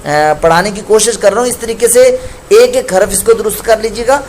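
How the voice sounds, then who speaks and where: A male Quran recitation teacher giving a patient lesson, explaining common mistakes and chanting each example slowly. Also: high-pitched, a little mellow, a little hiss or hum.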